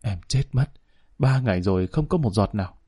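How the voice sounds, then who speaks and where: A man's voice: on the low side, expressive, a little fast, dark tone, husky, dry recording, studio quality. A man reading the lines of a weak, desperate young woman addict in a storybook narration. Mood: pleading.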